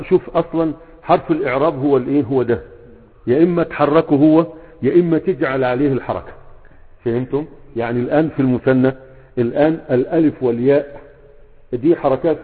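Speaking in a slightly high, husky voice, this Egyptian-accented man is a sheikh leading a grammar class. He keeps the students engaged by leaving gaps for them to fill, like a quiz, and frequently makes sure they're keeping up. It was recorded with thin, phone-like audio in an echoey hall.

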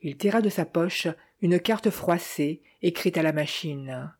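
A woman narrating a novel as an audiobook reader in a calm, even storytelling delivery. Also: fairly low pitch, measured pace. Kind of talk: scripted narration.

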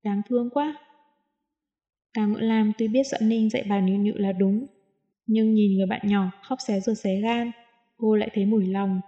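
Mellow woman narrating a story. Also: mid-range voice, steady tone, moderate pace, highs cut off. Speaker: audiobook narrator. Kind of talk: scripted narration.

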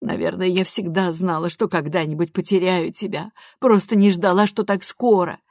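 A woman's voice: on the low side, steady tone, normal speed, darkish tone, dry recording, studio quality. A woman voicing a worried, tearful middle-aged mother who scolds and frets, in an audiobook. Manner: fretful, reproachful, tearful. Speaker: audiobook reader. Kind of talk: audiobook character voice.

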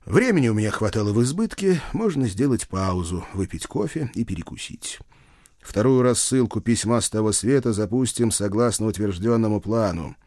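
A man reading a first-person story aloud in a wry, expressive storytelling manner. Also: on the low side, normal speed, no echo, clean studio sound. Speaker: audiobook reader. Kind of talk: first-person audiobook narration.

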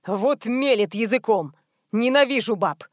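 Menacing rude young guy drawling low and slow, woman reading it, audiobook. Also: lively intonation, no room sound, clean studio sound. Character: menacing young male thug, rude and slangy.

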